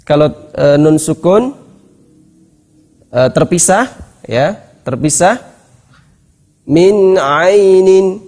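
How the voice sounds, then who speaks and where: A man with an Indonesian accent teaching tajwid. He explains each rule and then recites the examples slowly, repeating them. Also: on the high side, very animated, a little mellow, soft background music. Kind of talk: tajwid lesson with chanted examples.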